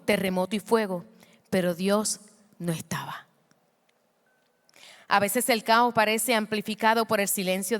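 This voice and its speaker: A woman pastor preaching a sermon with passion, moving between hushed and loud passages, moved by her own words and calling the congregation to repeat after her. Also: mid-range voice, in a large hall.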